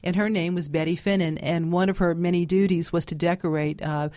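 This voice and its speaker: New lady in her 50s, lowish voice, dry close sound, lots of ums and restarts. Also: steady tone, a little fast, a little mellow, no echo. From New Orleans. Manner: chatty, many fillers and restarts. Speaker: guest author. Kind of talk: casual interview chat.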